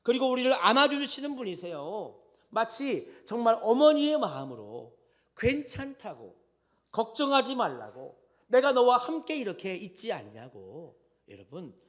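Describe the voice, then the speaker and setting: A man preaching a Sunday sermon as pastor, swinging between loud and soft and often addressing the congregation directly. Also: a little high. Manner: tells stories with addresses to the congregation.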